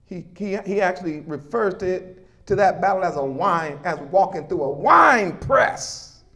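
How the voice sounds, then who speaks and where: Male preacher with a very high voice. Emphatic sermon delivery, calls for talk-back. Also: expressive, unhurried, sharp tone.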